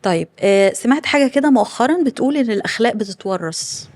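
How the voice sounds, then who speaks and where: Egyptian woman host, quick questions, keeps conversation moving. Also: fairly high pitch, animated, darkish tone. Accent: Egyptian Arabic. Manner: asks questions, frequent "mm" backchannels. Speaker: talk show host. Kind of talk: casual studio conversation.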